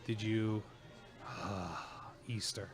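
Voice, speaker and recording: A man's voice: fairly low pitch, fairly even intonation, drawn-out words, soft background music. A man co-hosting a casual podcast, asking questions and making sarcastic jokes. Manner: wisecracking, sarcastic. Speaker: podcast co-host. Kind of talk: casual chat.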